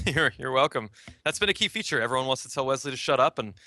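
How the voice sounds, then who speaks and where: A man talking as a game developer guest in a casual interview, animated and explaining. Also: mid-range voice, fast, no echo, clean studio sound.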